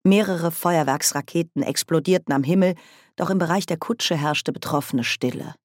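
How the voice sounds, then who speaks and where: A woman narrating an audiobook in a measured, even storytelling manner on a close mic. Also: low voice, no echo. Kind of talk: scripted narration.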